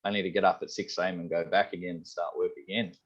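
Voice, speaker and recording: This Sydney man talks fast in a husky, low voice with an Australian accent. He's a head chef in a relaxed interview, meandering through his answers with many "um"s and "you know"s. The audio is slightly dull and lo-fi.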